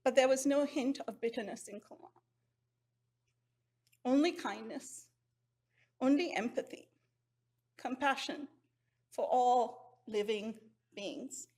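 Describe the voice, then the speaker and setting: A middle-aged woman from Sri Lanka, giving an earnest, heartfelt memorial eulogy at a measured pace. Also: on the high side, a little mellow.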